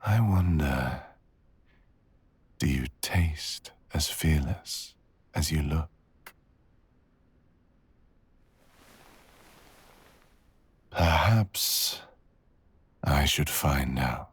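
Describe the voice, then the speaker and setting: In an intimate ASMR roleplay, a man gives a full character voice to a cruel, arrogant dragon villain, gravelly and breathy with a menacing, teasing drawl that drops into whispers. His rumbling low voice moves very slowly with long pauses, and the dry recording holds a mood of quiet menace.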